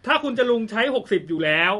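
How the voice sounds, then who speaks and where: A man with a high, bright voice co-hosts a casual tech Q&A, reading listener questions at a brisk clip. He talks quickly and adds lively, joking asides. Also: husky.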